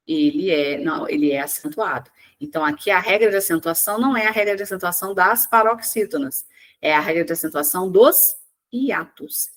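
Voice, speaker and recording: A woman teaching an exam-prep lesson online, working through questions word by word, asking and answering her own questions and stretching key words out slowly. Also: medium pitch, a bit bright. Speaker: Portuguese teacher.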